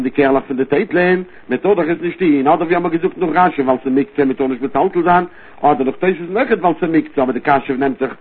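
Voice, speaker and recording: A man gives a Talmud study lesson at a quick clip, his voice husky and a little breathy. His phrasing rises and falls in a steady study cadence. The sound is thin and narrow, as if it came over a phone line. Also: medium pitch. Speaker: Talmud teacher. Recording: tinny phone-line recording.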